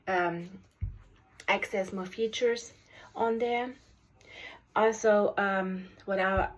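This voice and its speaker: A special education teacher, German-accented and with German as her first language, speaks at a medium pitch while giving an unscripted review of an app. She stumbles along haltingly, with many ums and false starts.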